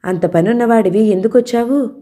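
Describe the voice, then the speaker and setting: A man's voice: high-pitched, normal speed, mellow, close to an everyday voice. A woman reading the part of a stern older uncle who scolds and interrogates his nephew. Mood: sarcastic.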